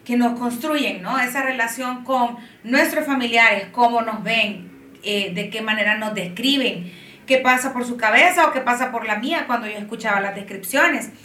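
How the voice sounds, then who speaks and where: A woman's voice: a little high, normal speed. A woman in her thirties, telling her story as an interview guest, with many fillers. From Honduras. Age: 30s. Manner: warm storytelling, frequent fillers. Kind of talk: casual interview conversation. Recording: echoey room, mic at a distance.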